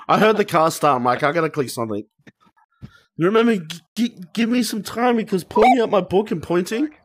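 A man's voice: high-pitched, lively intonation, fairly quick. A man, joking and teasing friends during a casual game session. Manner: joking, teasing, laughs a lot. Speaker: gaming friend. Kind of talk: casual gaming chat.

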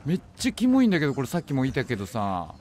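A man streaming a horror game, thinking aloud as he plays and bursting into alarmed shouts when enemies appear. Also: medium pitch, wildly swooping pitch, rapid-fire. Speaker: gaming streamer. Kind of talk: horror game let's play commentary.

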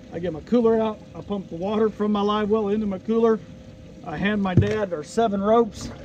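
A man's voice: high-pitched, darkish tone, muffled recording, a little hiss or hum. A man hosting a fishing show, explaining in a folksy, enthusiastic, chatty way while out on a boat. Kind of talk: casual instructional talk.

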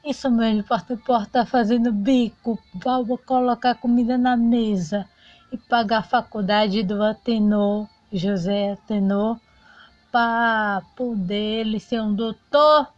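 A woman's voice: a little high, fairly even intonation, measured pace, a little mellow, no echo, dull audio, soft background music, natural voice. A woman voicing Griselda, a proud single mother who raised her children alone, in a homemade doll soap opera. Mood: firm. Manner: stubborn, insistent. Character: hardworking single mother, abandoned by husband, proud. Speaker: doll novela character.

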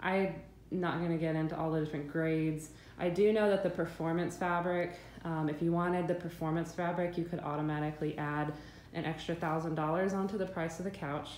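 Low-voiced woman chatting in an echoey room. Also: a little fast. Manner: relaxed, chatty, hesitant with many ums and restarts. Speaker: vlogger reviewing her couch. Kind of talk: casual product review. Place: her living room, indoors. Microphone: handheld phone filming the room. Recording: echoey room with faint background hum.

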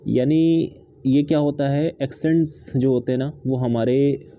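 A man with a deep, mellow voice teaches a literature lesson at an unhurried, deliberate pace. He reads English passages aloud, then explains each point patiently with small hesitations. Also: steady tone, dull audio. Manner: reads English text slowly, then explains it in Hindi with fillers.

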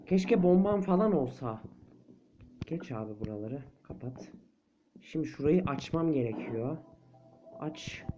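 A man's voice: on the high side, lively intonation, a little slow, pauses often, highs cut off, noisy background. Jumpy young man narrating a horror game. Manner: jumpy, shrieks and chants when chased. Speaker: gameplay commentator. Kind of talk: let's play commentary.

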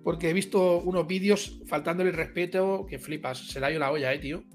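A man's voice: a little high, fairly even intonation, fast, faint music behind. A man in a casual live chat, talking in a chatty, slangy way with many restarts.

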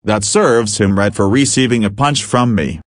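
A man's voice: fairly low pitch, normal speed, no room sound, clean studio sound, natural voice. A man playing a computer user who talks back defiantly. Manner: defiant, mocking.

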